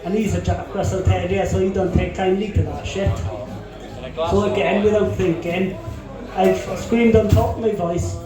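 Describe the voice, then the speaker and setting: A young male stand-up comedian with a fairly high voice performs a set on a comedy club stage, delivering crude, profanity-laced stories at a moderate pace with deadpan punchlines. The very echoey hall makes his voice boom, and music is clearly audible behind him.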